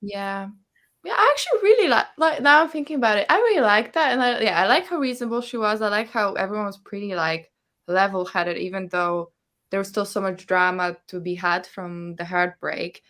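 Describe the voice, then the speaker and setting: Speaking a little fast in a slightly bright, mid-range voice, a woman runs a casual book discussion on an online livestream call. She reads viewer comments aloud and likes to act out imagined reactions.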